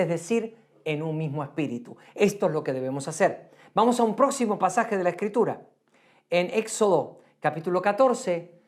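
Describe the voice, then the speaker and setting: A woman preaching a sermon in an earnest, emphatic way, repeating phrases for stress and slowing to a hush on key lines. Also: on the low side.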